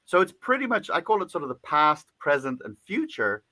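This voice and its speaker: Fairly high-pitched and very animated, another author guest speaks fairly quickly in a bright, forceful tone, with no room sound. Chatty and casual, he keeps restarting, uses many fillers and lets out frequent little laughs.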